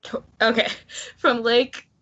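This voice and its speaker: A woman's voice: fairly high pitch, flat delivery, slow, fairly bright tone. A woman on a panel reading out award winners, hesitant over names and giggly. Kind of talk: reading results aloud. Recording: dull lo-fi sound.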